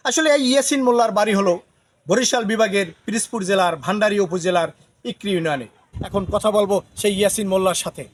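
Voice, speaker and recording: A man's voice: high-pitched, fast talker. A man reporting the news and interviewing a guest, peppering his sentences with the same filler word. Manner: repeats filler "actually" often.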